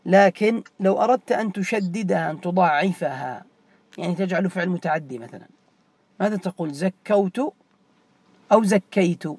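A man's voice: high voice, fairly quick, darkish tone, dry recording. A man teaching a classroom grammar lesson, repeating key words and quizzing students by name.

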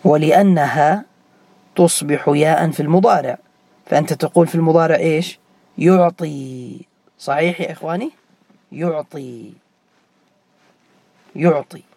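High, gravelly male teacher quizzing students. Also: moderate pace, long pauses, dark tone, no room sound. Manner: quizzes students by name, repeats key forms. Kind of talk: classroom grammar lesson.

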